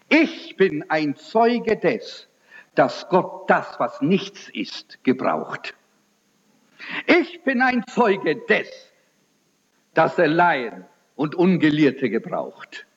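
A man preaching with a loud, forceful voice and a lively, swooping delivery that climbs high on its emphatic points. He speaks slowly, pressing rhetorical questions on his listeners. The sound is dull and lo-fi, with a long reverb from a large hall. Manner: impassioned, rhetorical questions, slow emphatic build-ups. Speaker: evangelist preacher. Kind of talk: sermon.

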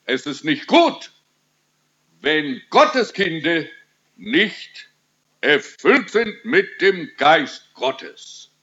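Slow, emphatic German-language preacher man. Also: fairly high pitch, sing-song, pushed and bright. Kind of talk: sermon. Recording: dull lo-fi recording.

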